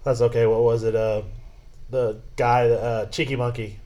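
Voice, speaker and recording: A man's voice: mid-range voice, flat delivery, moderate pace, mellow. A man co-hosting a podcast in casual chat, telling rambling stories with frequent restarts. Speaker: podcast co-host.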